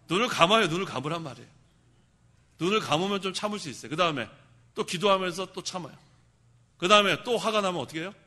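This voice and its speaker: Bright, animated male pastor preaching. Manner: animated, asks the congregation questions and answers them himself; shouts for emphasis, then drops low. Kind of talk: sermon.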